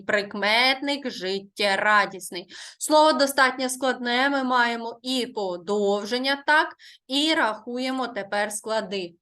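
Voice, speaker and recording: A woman with a fairly high voice teaches a primary school language lesson. She stretches key words out slowly and clearly, as if for dictation. She asks the class a question and then gives the answer herself. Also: pushed and bright. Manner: slow, careful, dictation-like. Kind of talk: online Ukrainian language lesson.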